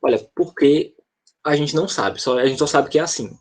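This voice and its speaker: Husky-voiced Brazilian man teaching English. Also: a little high, brisk. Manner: explains patiently, checks in with frequent "tá?". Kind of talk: online class explanation.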